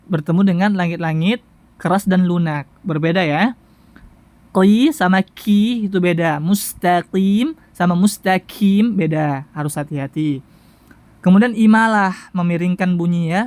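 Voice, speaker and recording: A Quran recitation teacher giving a tajwid lesson, patiently repeating syllables slowly for the listener to practice. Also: medium pitch, no room sound. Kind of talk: tajwid lesson with sound drills.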